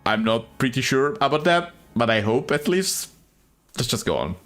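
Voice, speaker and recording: A man's voice: medium pitch, very animated, normal speed, fairly bright tone, faint music behind. A man chatting casually while playing a story game, hesitant and puzzled, often restarting and laughing. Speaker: streamer playing a visual novel. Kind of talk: casual chat.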